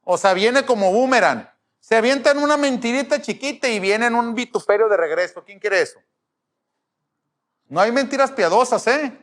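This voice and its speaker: A man's voice: very high voice, expressive, brisk, hardly any pauses, a bit bright. A middle-aged man preaching a sermon, emphatic and asking the audience rhetorical questions. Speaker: pastor.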